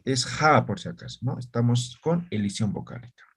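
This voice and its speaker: A man's voice: medium pitch, sing-song, vocal fry, husky. A man teaching an online language class, explaining patiently and often checking that students follow. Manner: slow, patient, checks understanding with "¿ya?" and "¿no ve?".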